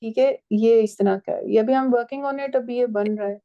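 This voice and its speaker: A woman's voice: a little high, steady tone, normal speed, clear, resonant tone, muffled recording. A woman teaching a writing and language class, explaining step by step and checking that her students follow.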